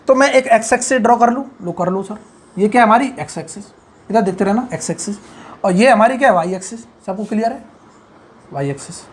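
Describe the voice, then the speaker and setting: A man with a notably high voice gives a whiteboard engineering lecture. He walks through each step, keeps asking if it is all clear and praises under his breath. His key terms come back again and again. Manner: repeats key terms, drops to a soft murmur on asides. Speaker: engineering tutor.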